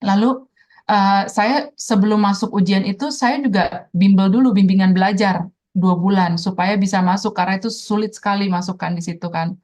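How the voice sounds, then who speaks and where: A woman's voice: mid-range voice, fairly even intonation, normal speed, darkish tone. A middle-aged woman giving an earnest personal testimony in an interview, telling her story to the host and often addressing him directly.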